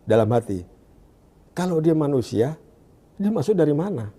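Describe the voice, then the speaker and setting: A man from Indonesia recounts his experience in an interview, in a mellow, slightly raised voice. He talks haltingly and restarts as he hunts for the right word, then sinks to a hushed tone whenever he quotes. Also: very animated, breathy edge. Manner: searching for words, halting restarts; drops to a hushed low voice when quoting. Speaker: guest giving a testimony. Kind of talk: conversational interview.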